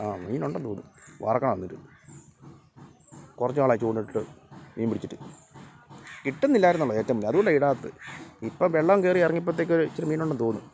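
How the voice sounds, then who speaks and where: A man filming a casual vlog outdoors around his house, talking softly to viewers and calling out loudly to his cats and dogs. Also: mid-range voice, gravelly, a little hiss or hum. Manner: calls and scolds animals in raised voice, chats softly to viewers. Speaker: vlogger. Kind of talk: casual vlog narration to camera while feeding pets. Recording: slightly dull lo-fi phone audio.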